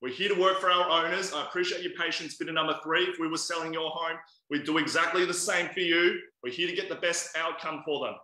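A man's voice: fairly high pitch, steady tone, quick pace, few pauses, sharp tone. A man, calling a live property auction and coaxing buyers with repeated bid amounts. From Australia. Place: indoors by a large glass window. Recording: echoey room sound.

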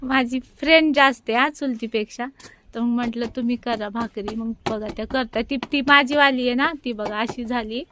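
Chatty woman vlogger, slightly high voice, talking to viewers on a phone outdoors. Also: normal speed, sharp tone, a little hiss or hum. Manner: chatty, keeps pointing things out to viewers. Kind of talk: casual vlog narration. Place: outdoors at a village home by a wood stove. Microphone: phone camera.

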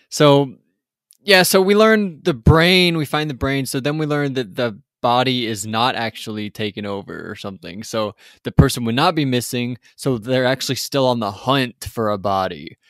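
A podcast co-host chats casually through an episode recap, rambling and hesitant with many restarts. His mid-range voice has lively intonation at normal speed, recorded with clean studio sound and no room sound.

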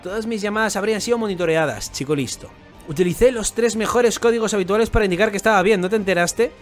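A man reading out the lines of a calm, self-assured young male revolutionary in a plain voice. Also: high-pitched, fast talker, faint music behind, voice pushed up, close to an everyday voice. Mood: matter-of-fact.

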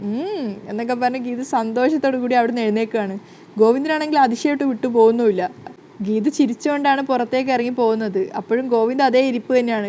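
Woman narrator, casual story recap, chatty, fairly high voice, faint background noise. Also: warm tone. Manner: chatty retelling, strings scenes together with fillers. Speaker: narrator retelling a TV serial.

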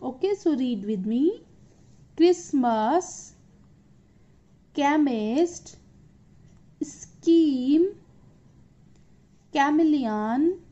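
A woman's voice: sits high, mellow, dull audio. A woman teacher with an Indian accent, taking children through an English lesson and switching between English and Hindi as she explains. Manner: slow, deliberate reading aloud for kids.

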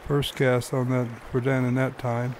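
A man's voice: medium pitch, completely flat delivery, normal speed, noisy background. A man hosting and narrating his own fishing video in an easygoing, folksy explaining manner. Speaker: fly-fishing guide and host.

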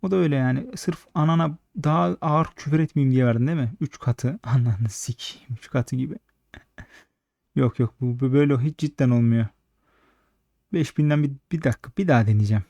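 A man giving casual, frustrated slot commentary, swearing constantly and talking at the machine, slightly hoarse late at night. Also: mid-range voice, a little fast, warm tone, no room sound. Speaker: slot streamer.

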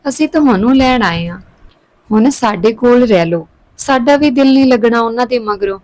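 A woman's voice: fairly high pitch, animated, moderate pace, a little mellow, no echo, voice pushed up, close to an everyday voice, rough recording. A woman voicing a scheming elder sister-in-law who taunts and coaxes, in a storybook reading. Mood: taunting.

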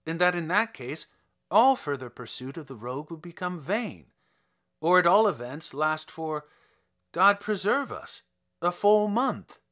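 Bright, expressive male storyteller. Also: a little high, measured pace. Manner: expressive, theatrical reading. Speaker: audiobook reader. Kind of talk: scripted narration of a classic story.

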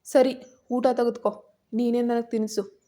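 Storybook husband, angry and possessive, curt scolding lines, voiced by a woman, slightly raised, warm mellow tone. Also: on the high side, level tone, a little slow, natural voice. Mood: teasing.

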